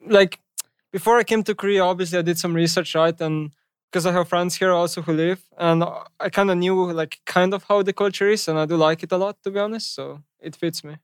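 A man's voice: high-pitched, steady tone, a little fast, clean tone, no room sound, clean studio sound. A young man from Slovenia with a Slovenian accent, a gamer guest chatting casually in a blunt, nonchalant way. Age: young adult. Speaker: esports pro gamer guest. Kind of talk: casual interview chat.

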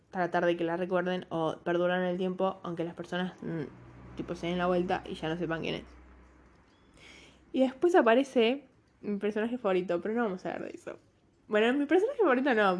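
Woman book vlogger, chatty and rambling, self-mocking, mid-pitched voice. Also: a little mellow. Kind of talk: casual book recommendation vlog.

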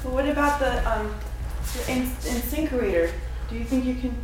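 A woman's voice: high voice, brisk, natural voice. A woman playing a giggly, apologetic homeowner in her forties in an improvised comedy scene, recorded in an echoey room from a distance. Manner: giggly, self-deprecating, apologetic. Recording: echoey room from far off, faint noise.

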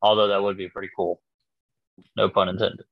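Relaxed male podcast co-host, mid pitch, muffled dry sound. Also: brisk, no echo. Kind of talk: casual chat. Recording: slightly dull lo-fi audio.

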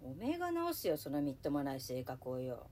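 A woman playing a cheerful female radio host who is polite and bright on air but turns rough and blunt off air. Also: low voice, wildly swooping pitch, fairly quick, slight background noise. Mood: rough, scolding. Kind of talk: comedy radio sketch.

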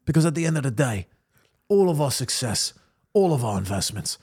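A man's voice: mid-range voice, fairly quick, breathy edge. A man co-hosting a podcast, joking in casual chat. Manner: animated, jokey. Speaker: podcast co-host.

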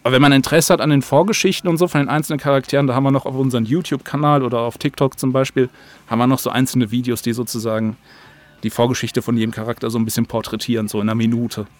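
A man who writes and produces audio dramas talks very fast as a podcast guest, explaining things in a rambling, colloquial, casual way. His mid-range voice keeps a fairly even intonation.

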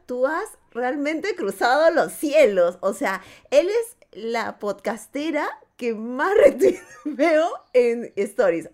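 A woman hosting a podcast, giving a playful, teasing introduction. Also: a little high. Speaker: podcast host. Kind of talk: casual chat.

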